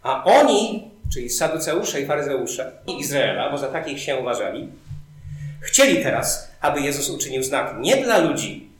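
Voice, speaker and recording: High-voiced preacher in a very echoey hall. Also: male voice, moderate pace. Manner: animated storytelling, building emphasis. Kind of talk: sermon.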